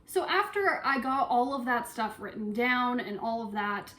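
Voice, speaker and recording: A young woman vlogging from her bed, chatty and giggly as she works things out aloud. Her voice sits a little high, and she often breaks into small laughs between thoughts. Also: lively intonation, normal speed, fairly bright tone. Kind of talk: casual chat. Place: bedroom.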